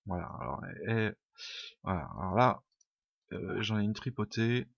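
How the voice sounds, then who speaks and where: A man's voice: lowish voice, animated, a little slow, vocal fry, no echo. A man giving an unscripted coding tutorial over a screen recording, thinking aloud with many fillers and an informal, self-deprecating way of talking. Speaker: programming tutor. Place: home room. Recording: dull lo-fi home mic, dry.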